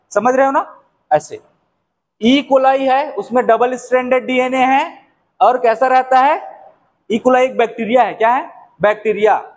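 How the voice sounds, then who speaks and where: A young man teaching a biology lesson, who keeps asking questions and answering them himself. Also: extremely high pitch. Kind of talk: classroom-style lecture.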